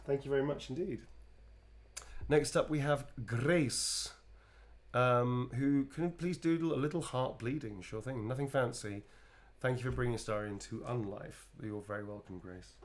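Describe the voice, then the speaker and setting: A man's voice: medium pitch, moderate pace. Male, casual chatty read, self-deprecating and easily amused, talking while he draws. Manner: chatty and self-mocking, laughs often. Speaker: voice actor signing fan requests. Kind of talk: casual stream chat while drawing.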